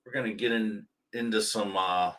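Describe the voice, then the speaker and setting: A man's voice: on the low side, steady tone, normal speed, a bit bright. A man co-hosting a live podcast, cheerfully greeting viewers and joking with his partner. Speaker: podcast co-host.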